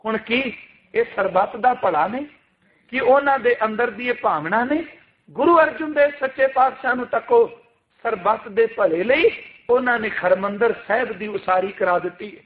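Guy preaching a sikh sermon, super high voice, fired up, asks the crowd lots of questions, tinny phone-ish audio. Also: normal speed. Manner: impassioned, rhetorical questions to the congregation. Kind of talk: religious sermon with recited scripture.

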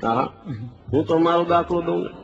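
A man's voice: a little high, brisk, vocal fry. A man, a stand-up comedian chatting through jokes and asking the audience. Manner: chatty, joke-telling, asks the audience. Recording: dull live stage sound with audience.

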